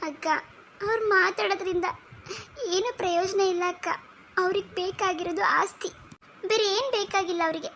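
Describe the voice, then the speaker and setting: A woman's voice: very high voice, steady tone, moderate pace, long pauses, a bit bright, a little hiss or hum. A woman voicing a timid young woman in a cartoon, tearful and pleading.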